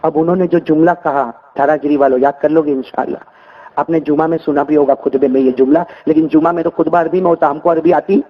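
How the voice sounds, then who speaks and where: Male preacher, high voice, call-and-response sermon, lo-fi sound. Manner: animated call-and-response with the congregation. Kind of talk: sermon storytelling.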